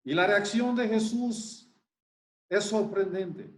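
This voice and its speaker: A high-pitched man preaches at an unhurried pace, drawing out each point and breaking into exclamations of amazement. His voice rings around an echoey room. He is a preacher, deliberate and emphatic. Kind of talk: sermon with scripture reading.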